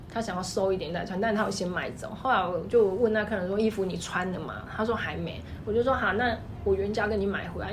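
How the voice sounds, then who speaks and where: A woman with a Taiwanese Mandarin accent, a clothing shop owner telling stories in an animated, emphatic way. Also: medium pitch, background noise. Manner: animated, fast-talking, emphatic. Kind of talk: casual storytelling chat.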